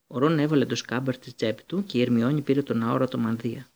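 Guy reading a story out loud, raspy kinda gravelly voice, slips now and then. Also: mid-range voice. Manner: steady reading, occasional slips and restarts. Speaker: audiobook reader. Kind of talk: storybook narration.

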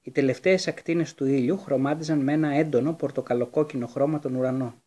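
A man reading a novel aloud as a narrator, telling the story in a steady, dramatic way. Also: medium pitch. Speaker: audiobook narrator.

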